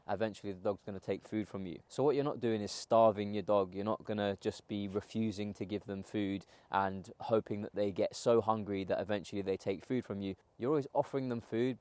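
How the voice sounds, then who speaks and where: A man working as a dog trainer, explaining his method to the camera in a calm, steady way and repeating the key points. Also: lowish voice. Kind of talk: instructional talk to camera.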